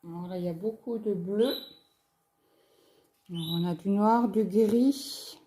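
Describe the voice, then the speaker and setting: A woman from France talks slowly and unhurriedly as she unboxes and measures craft kits for her viewers. Her voice is mellow and soft-edged, and her easygoing chat is dotted with small hesitations and fillers. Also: mid-range voice. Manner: slow, chatty, hesitant with fillers. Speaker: craft vlogger. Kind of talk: casual unboxing show-and-tell.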